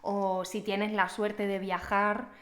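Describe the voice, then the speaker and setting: A young woman teaching a language, talking casually to camera and explaining each point clearly and patiently to the viewer. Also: medium pitch, level tone, slow, a bit bright. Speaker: Spanish teacher.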